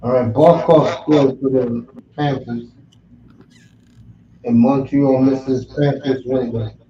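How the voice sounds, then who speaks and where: A man co-hosting a casual online chat, calling out live scores in a relaxed, chatty way. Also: mid-range voice, slow. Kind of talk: casual chat with sports play-by-play asides. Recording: roomy echo, dull lo-fi sound.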